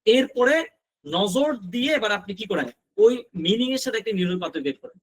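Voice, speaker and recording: A man's voice: high-pitched, animated, fast. A man teaching a vocabulary lesson, repeating words for drilling and putting questions straight to his students. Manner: addresses students directly with questions.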